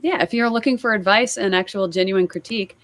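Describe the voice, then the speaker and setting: A woman co-hosting a podcast chats casually and warmly while introducing videos, laughing easily as she reacts to them. Her voice is mid-range and a bit bright, and she talks fairly quickly.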